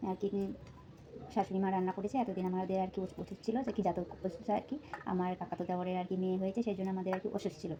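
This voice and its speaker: A young woman with a Bengali accent chatting casually to her viewers while chopping vegetables at home, a little out of breath and speaking softly. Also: mid-range voice, highs cut off, background noise. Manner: chatty, many fillers, addresses viewers as friends. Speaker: vlogger, mother of two. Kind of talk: casual vlog chat while cooking. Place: home kitchen.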